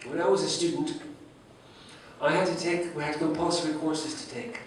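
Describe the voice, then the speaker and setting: A man's voice: on the high side, steady tone, moderate pace, a little hiss or hum. A man whose first language is French gives a humorous academic lecture and keeps asking his audience rhetorical questions. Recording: echoey hall, distant mic, faint ambience.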